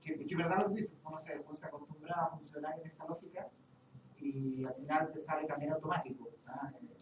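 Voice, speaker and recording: Mid-pitched participant, echoey room with hiss. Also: steady tone, quick pace. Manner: thinks aloud with many restarts. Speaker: workshop participant. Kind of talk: group discussion. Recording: echoey room, far from the mic, audible hiss.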